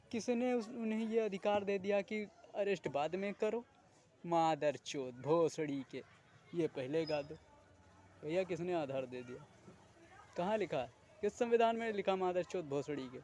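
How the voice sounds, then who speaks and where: A man's voice: high-pitched, expressive, a little slow, darkish tone, a little hiss or hum. A man delivering a heated, indignant monologue to viewers, swearing crudely and firing off rhetorical questions. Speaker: video creator. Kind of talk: ranting monologue to camera.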